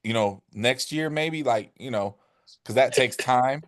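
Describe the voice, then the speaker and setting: A man's voice: medium pitch, unhurried. A man co-hosting a podcast in casual chat, playful and repeating phrases for emphasis. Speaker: podcast co-host.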